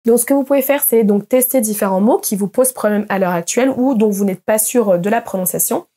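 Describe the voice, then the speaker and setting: A young woman giving an online pronunciation lesson as an English teacher, explaining patiently and slowly modeling example words. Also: medium pitch, warm tone.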